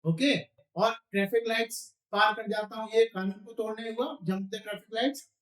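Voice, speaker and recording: A man teaching spoken English, drilling phrases slowly and quizzing the viewer. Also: high-pitched, steady tone, fairly bright tone, roomy sound, low-quality recording.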